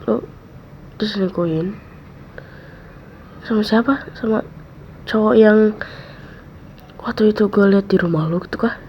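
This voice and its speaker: Soothing gravelly woman, whispered role-play. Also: medium pitch, a little slow, long pauses. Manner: soothing, repeats comforting words, soft and close. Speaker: ASMR role-play creator. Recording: dull lo-fi mic with faint hiss.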